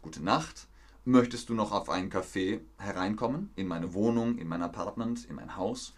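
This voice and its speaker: Young guy w a lowish voice teaching live, friendly, slows down to give example lines. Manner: friendly, explains slowly with example phrases. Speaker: language teacher. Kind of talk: live-stream language lesson.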